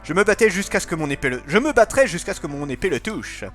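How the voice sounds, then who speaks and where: A man's voice: sits high, very animated, fast talker, fairly bright tone, soft background music. A man voicing a determined young male swordsman in a video game in his own plain, earnest voice.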